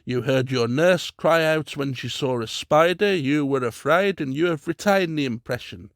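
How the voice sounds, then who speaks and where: A man voicing an excitable, learned male tutor who scolds in a raised voice. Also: a little high, moderate pace, no echo, studio quality, close to an everyday voice. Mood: dismissive.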